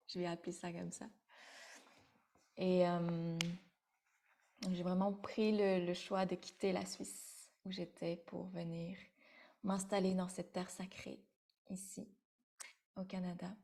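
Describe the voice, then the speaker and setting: Slow, mellow woman giving a meditative spiritual talk. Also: fairly low pitch, level tone, gravelly. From Vietnam. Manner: halting, meditative, with many hesitations and repeated words. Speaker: spiritual teacher leading a sharing circle. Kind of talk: spiritual talk to an online audience.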